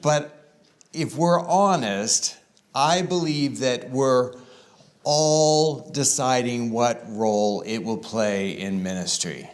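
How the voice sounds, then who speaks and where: A man speaking to a room of pastors at a conference, conversational and easygoing, leaning on words and slowing down for emphasis. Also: mid-range voice. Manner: conversational, with varied emphasis and deliberate slow stretches. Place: conference room with live audience.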